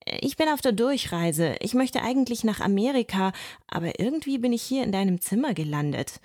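A woman's voice: animated, brisk, dry recording, clean studio sound. A woman voicing a cheerful little male globetrotting mouse in a storybook reading, friendly and eager. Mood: chirpy. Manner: eager, friendly, high and bright.

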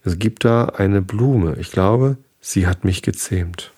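A man voicing a polite, curious young boy prince in a storybook reading, soft and questioning. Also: deep voice, takes it slowly, slightly rough, heavily acted.

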